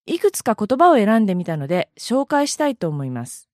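A woman from the Kansai region with a Kansai accent, hosting an audio blog and narrating a scripted lesson with slow, careful enunciation of example words. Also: medium pitch, big pitch swings, darkish tone, dry recording, studio quality. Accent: Kansai Japanese. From Kansai, Japan.

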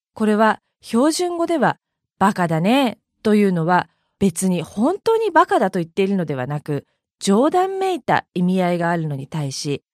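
A woman from Hyogo, Japan, hosting an audio blog and reading a clear, explanatory language lesson with spoken examples. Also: medium pitch, dry recording, studio quality. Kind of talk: scripted language lesson narration.

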